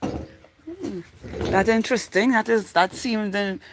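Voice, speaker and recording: Speaking slowly at a medium pitch, this livestream host from Trinidad and Tobago chats informally with her audience over slight background noise. She's in her forties and wanders from point to point, repeating herself while she works through her thoughts.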